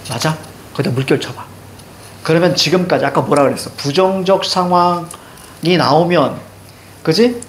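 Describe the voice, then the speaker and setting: A male teacher giving an online lesson, energetic, drilling his students with the same short questions again and again. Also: fairly high pitch, slight background noise. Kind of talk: online lecture.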